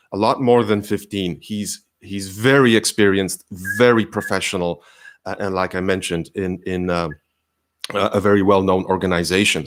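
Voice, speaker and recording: A man hosting a live coaching session, explaining slowly and patiently with many fillers; English is not his first language. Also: fairly low pitch. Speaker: career coach and host.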